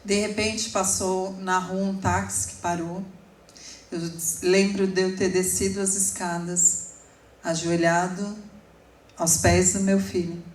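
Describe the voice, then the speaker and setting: A woman in her forties giving an emotional sermon testimony, telling her story slowly with sudden emphatic rises. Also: medium pitch, flat delivery. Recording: echoey room, speaker far from mic.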